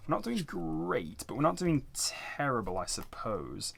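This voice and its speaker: A man's voice: on the high side, big pitch swings, a little slow, gravelly, fairly bright tone, slight background noise. A man giving casual, unscripted commentary as he plays a board game, hesitantly talking himself through his choices. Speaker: solo board game player narrating a playthrough.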